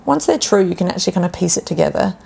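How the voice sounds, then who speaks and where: A woman talks casually as a guest health coach on a podcast. Her voice sits a little low with a gravelly edge, and she acts out voices in a lively, animated way. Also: racing.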